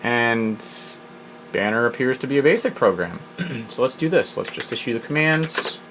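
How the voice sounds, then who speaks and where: A man's voice: mid-range voice, animated, normal speed, background noise. A man hosting a retro computer video, thinking aloud as he works through an old program, with wry little asides. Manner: muses aloud while reading prompts, wry asides. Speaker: retro computer hobbyist host. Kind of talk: casual think-aloud software walkthrough.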